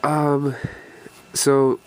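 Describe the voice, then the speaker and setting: Speaking very slowly in a completely flat, darkish, medium-pitched voice, a congested young man hosts a deck profile video. Short of breath from a cold, he wanders through a casual walkthrough of his card deck, with plenty of ums and false starts.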